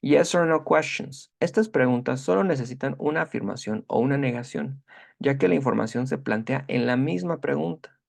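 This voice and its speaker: A man teaching a grammar lesson who explains patiently, often checks in with "ok?" and "vale?", and reads English examples slowly. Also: medium pitch, expressive, creaky. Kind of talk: Spanish-language grammar lesson.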